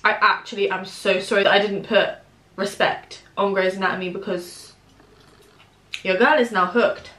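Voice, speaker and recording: A British woman in her twenties talks in a bright, crisp-edged voice at a middle pitch. She is chatty and slangy, stressing her points as she vlogs over food. The room adds a clear echo around her voice. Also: fairly even intonation, moderate pace. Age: 20s. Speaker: vlogger chatting while eating. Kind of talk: casual chatty mukbang vlog. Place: small room at home, indoors. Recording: echoey room.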